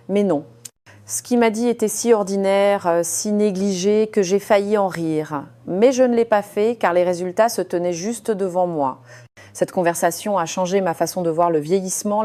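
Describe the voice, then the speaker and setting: A woman tells a first-person story as a surgeon, measured and confiding, with frequent hesitant fillers. Her voice is mid-range and warm.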